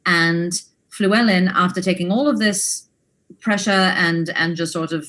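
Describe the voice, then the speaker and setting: A woman co-hosting a casual chat, telling a backstage story with animated, laughing delivery. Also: lowish voice, a little slow. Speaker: podcast co-host, stage actor.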